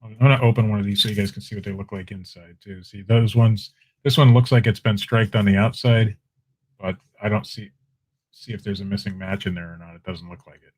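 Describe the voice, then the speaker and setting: Here a man with a lowish voice moves briskly through a casual live-stream auction. He's chatty and relaxed, talking to viewers in chat as he displays items and calls bids.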